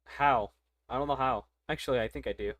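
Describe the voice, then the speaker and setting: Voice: medium pitch, fairly quick, fairly bright tone, dry recording. A young adult gaming streamer chatting casually and muttering reactions over gameplay.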